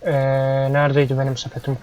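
A man's voice: mid-range voice, level tone, quick pace, a little mellow. A young man playing a ranch game, chatting casually and grumbling at the animals as he plays. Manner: frustrated, grumbling, talks to the animals. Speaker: gameplay YouTuber. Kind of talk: casual let's-play commentary. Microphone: headset microphone. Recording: dull lo-fi headset mic with faint noise.

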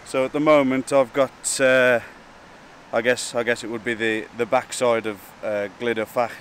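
A man, talking casually and a little hesitantly to camera as a wildlife vlogger, outdoors beside rushing water. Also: medium pitch, level tone. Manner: informal, hesitant and chatty. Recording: outdoor wind, rushing water and traffic noise.

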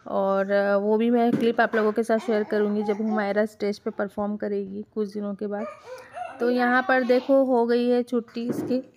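A woman's voice: mid-range voice, little pitch movement, moderate pace, dull audio, background noise. A woman giving a casual voice-over for her family vlog, chatty and rambling, with frequent fillers and restarts. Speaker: family vlogger.

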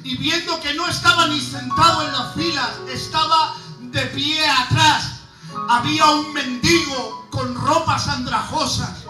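A man from preaching an emphatic sermon that builds to shouts. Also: very high voice, fairly even intonation, measured pace. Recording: echoey hall, far mic, music behind.

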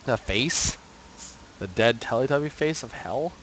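A man's voice: mid-range voice, animated, unhurried, a little hiss or hum. Easily spooked man swearing through a horror game. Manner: jumpy, swears constantly, pleads others to take over. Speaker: gamer streaming a horror game. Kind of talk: live horror game commentary.

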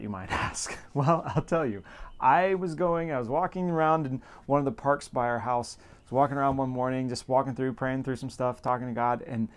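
A young man in a casual book vlog who talks in a loose, rambling way. He keeps acting out his own past reactions in quick asides and fills the gaps with fillers. His voice sits at an ordinary middle pitch for a man. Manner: animated, rambling, lots of fillers and quoted self-talk. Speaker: book vlogger. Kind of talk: casual talking-head vlog.

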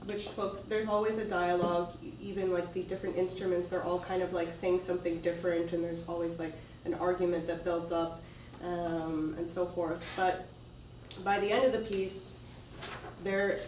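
A woman giving a conference talk in a casual, halting way, with loose phrasing and restarts. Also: on the low side, background noise. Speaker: conference presenter. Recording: echoey hall, mic far off.

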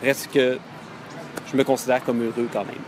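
A man's voice: medium pitch, little pitch movement, normal speed. A man answering a street interview hesitantly, with many fillers and repeated words. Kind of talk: street vox pop answer. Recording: street noise, mic at a distance.

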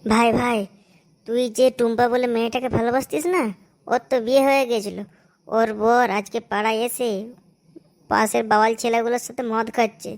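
A woman's voice: fairly high pitch, level tone, fairly quick, natural voice. A woman voicing a pushy young man in a cartoon, urging his friend along in an insistent, bossy way. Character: pushy young village guy, nagging friend. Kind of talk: animated cartoon voice acting.

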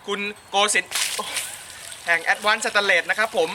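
A man's voice: high voice, fairly even intonation, takes it slowly. A man speaking for an ice bucket challenge video, exclaiming breathlessly as if in ice cold water. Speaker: company steel seller taking a charity challenge. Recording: noisy amateur video with background noise.

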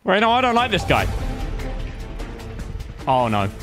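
A young man giving loud, teasing gameplay commentary and bantering with strangers, breaking into sudden excited shouts. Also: high voice, a little slow, loud music behind the voice. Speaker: gaming YouTuber.

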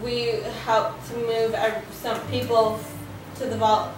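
A woman's voice: on the high side, little pitch movement, takes it slowly, noisy background. Young woman interpreting a sermon hesitantly. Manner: hesitant, with fillers and restarts while interpreting. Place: living room set with framed pictures. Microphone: far camera. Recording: echoey room from far off, faint music.

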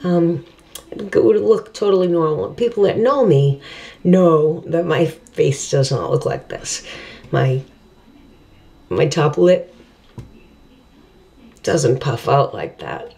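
A low-pitched, gravelly woman speaks with new dentures, her tone dark and mellow. She is middle-aged, and she records a casual video diary, halting and repeating words as she thinks aloud. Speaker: vlogger.

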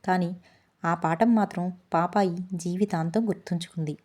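Mellow, low-voiced woman telling a kids' story. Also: fairly even intonation, moderate pace. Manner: gentle, simple moral-story telling. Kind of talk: children's storybook narration.

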